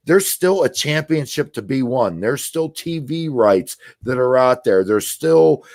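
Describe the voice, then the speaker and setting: A man's voice: medium pitch, lively intonation, a little slow, darkish tone, no room sound. A man co-hosting a sports podcast, laying out an argument point by point in an assertive, casual way.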